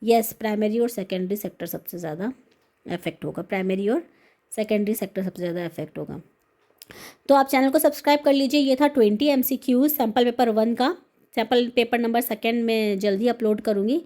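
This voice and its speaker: A woman teacher running through exam questions, reading the English slowly and explaining in Hindi mixed with English, often checking in with her students. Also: on the high side, mellow. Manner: checks in with "है ना?" and "okay". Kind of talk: exam-prep lesson.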